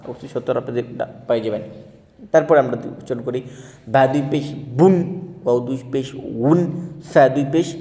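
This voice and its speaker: A man teaching a Quran reading class, drilling letter sounds slowly and coaxing the class to repeat after him. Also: mid-range voice, warm tone, big-room sound. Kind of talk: online class lesson.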